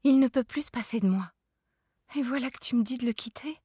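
A woman reading aloud as a patient, gentle mother soothing her child, her voice soft and dropping to whispers. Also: on the high side, brisk, husky, no room sound, studio quality, voice pushed up. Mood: tender.

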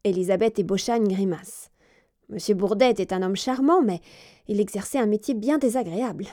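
Mellow-voiced woman reading a story. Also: mid-range voice. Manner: measured, expressive. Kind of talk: scripted storybook narration.

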